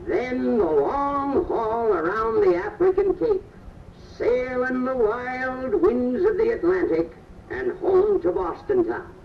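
Played back over a PA with a distant, roomy, lo-fi sound and slight background noise, a man narrates a ride with scripted historical narration. His very high, creaky voice moves slowly and swings hugely in pitch, giving a stately storybook delivery.

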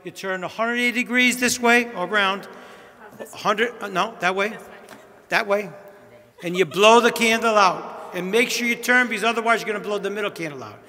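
Priest running a rehearsal: high-pitched man, breezy instructions with quips, long church echo. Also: moderate pace, pushed and bright. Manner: chatty, directive, joking asides. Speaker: priest leading a wedding rehearsal. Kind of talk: giving stage directions at a rehearsal. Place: large church.

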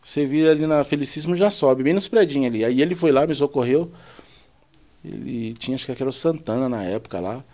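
Talking fast in a mid-range voice, this truck driver from the São is a guest on a relaxed podcast chat. He tells a long, rambling personal story with animated energy, acting out the dialogue by quoting people directly.

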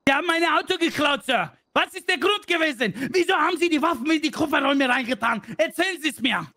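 A man's voice: very high-pitched, expressive, quick pace, bright, forceful tone, no room sound, full character voice. A man voicing a bumbling male police detective who speaks broken German with Turkish interjections, in a casual game role-play. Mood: stern. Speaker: roleplay player.

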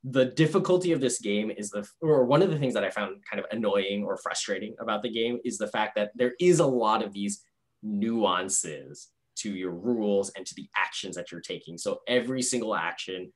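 A man's voice: fairly low pitch, normal speed. A man giving a casual, rambling board game review, explaining step by step on a video call.

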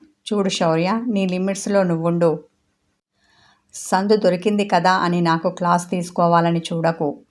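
A woman's voice: fairly low pitch, steady tone, moderate pace, long pauses, close to an everyday voice. A woman voicing an angry, egotistic young husband who rants resentfully at his friend in a storybook reading. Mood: bitter ranting. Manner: resentful, accusing rant.

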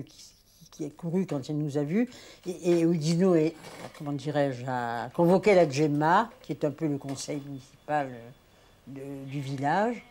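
Older woman with a low voice, telling old stories, lots of euh and restarts. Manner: lively storytelling with many hesitations. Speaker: interviewee recalling war reporting. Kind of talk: spoken reminiscence.

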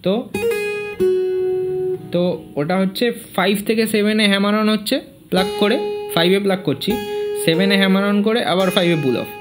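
Over loud accompanying guitar, a high-pitched male instructor leads a fingerstyle lesson at normal speed with long pauses. He counts out beats, calls out note names and sings bits of the tune.

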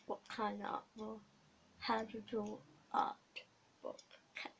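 A young woman playing an attentive bookshop and library clerk in a whispered role-play, talking haltingly in short, repeated phrases. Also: medium pitch, monotone, vocal fry, a bit bright. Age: young adult. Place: small home room, indoors. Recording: noisy home recording with clicks.

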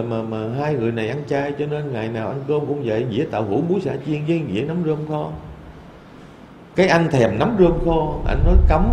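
A man, a Buddhist monk, giving a dharma talk in a temple hall with lively storytelling. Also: fairly high pitch, a little hiss or hum. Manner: lively storytelling, quoting voices in asides.

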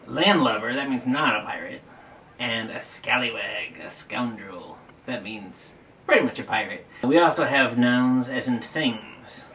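A man's voice: medium pitch, a bit bright. A man hosting a family video, playfully explaining words step by step in a casual teaching talk. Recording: distant mic with faint noise.

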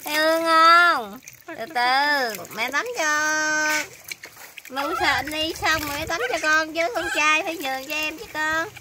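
A woman coos in gentle baby talk, as if to small pets. Her voice sits high. The home recording carries clear background noise. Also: fairly even intonation, a little slow. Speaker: pet monkey owner. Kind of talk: home video chat to pets. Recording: noisy background.

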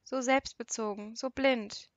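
A woman's voice: a little high, fairly even intonation, a little slow, no room sound, highs cut off, lightly acted. A woman reading a sobbing, heartbroken father. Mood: distraught. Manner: broken, tearful, pleading. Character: distraught middle-aged father, sobbing.

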